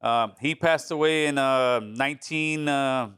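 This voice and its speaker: A man in his forties, born in Honduras, telling his life story as a podcast guest in a laid-back street manner that turns animated when he quotes people. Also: mid-range voice, a little slow, smooth, no room sound, studio quality. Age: 40s. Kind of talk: casual storytelling interview.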